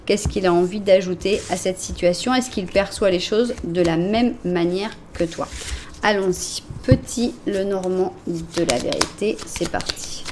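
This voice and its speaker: A woman's voice: mid-range voice, measured pace, noisy background. A woman from France, in her forties, doing a chatty, reassuring tarot card reading and narrating each card as she draws it. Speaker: tarot reader.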